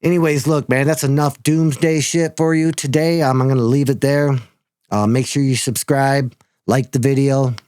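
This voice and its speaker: A man's voice: mid-range voice, fairly even intonation, moderate pace, darkish tone, clean tone, no echo, studio quality. A man hosting his own video channel, talking in a casual monologue that halts often, repeats words and swears casually. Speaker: video host.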